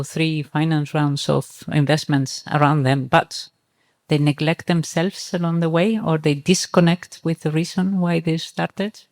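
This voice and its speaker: An earnest, discursive speaker on a discussion panel, talking at length. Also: mid-range voice. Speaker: panelist, startup and impact advocate.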